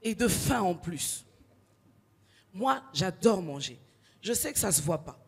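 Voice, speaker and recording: A young woman from Congo doing stand-up comedy, telling stories in slangy animated bits. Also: lowish voice, slow, vocal fry, husky, big-room sound. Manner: animated storytelling, street slang.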